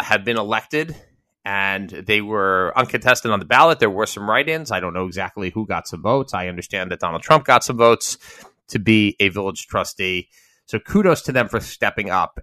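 An American man in middle age delivers an informal solo commentary in a bright, forward voice. He wanders reflectively from point to point, leaning on repeated phrases for emphasis. The sound is dry, with hardly any room to it. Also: on the low side, no echo. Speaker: host.

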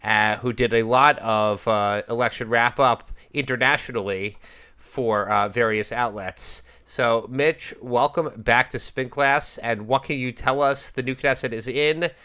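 A male radio-style political host with a bright, forward voice at a medium pitch. He interviews in a conversational broadcast manner, wordy and emphatic, often repeating phrases for effect. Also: measured pace, clear, resonant tone. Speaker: host of a political talk show.

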